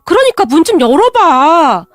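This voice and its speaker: A woman's voice: extremely high pitch, very animated, unhurried, dry recording, pitched above the performer's own voice, full character voice. A woman voicing a desperate husband who clings and begs in a whining tone, in a storybook narration. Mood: pleading. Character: pleading, begging husband in his thirties.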